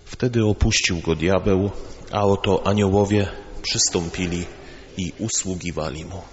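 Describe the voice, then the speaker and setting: A man reading the Gospel aloud at Mass in a measured, solemn way. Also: sits low, steady tone, slight background noise. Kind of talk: liturgical scripture reading. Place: church. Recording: reverberant dull church sound.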